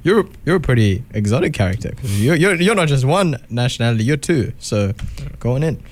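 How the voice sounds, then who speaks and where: A man's voice: mid-range voice, animated, brisk. A young man from southern Africa hosting a casual radio show. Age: young adult.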